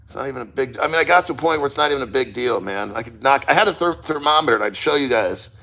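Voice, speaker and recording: Man, sharp bright delivery, immersed in ice cold water. Off-the-cuff vlog host, blunt and sweary. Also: medium pitch, expressive, very fast. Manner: blunt, profane, rambling. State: sitting neck-deep in ice cold water. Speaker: crypto podcast host. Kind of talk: casual talk to camera.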